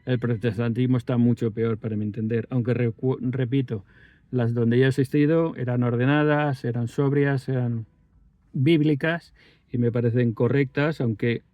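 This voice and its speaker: A man's voice: mid-range voice, steady tone, normal speed, no echo, dull audio. A man, telling a personal story in a rambling way with many restarts. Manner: rambling, with self-corrections and fillers. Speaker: vlogger.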